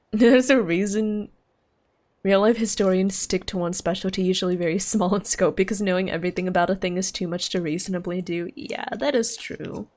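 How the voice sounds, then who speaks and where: A woman's voice: mid-range voice, fairly even intonation, normal speed, darkish tone. A woman livestreaming a game, chatting casually with playful, self-mocking, giggly asides. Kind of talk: casual livestream chat over gameplay. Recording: faint game music behind voice.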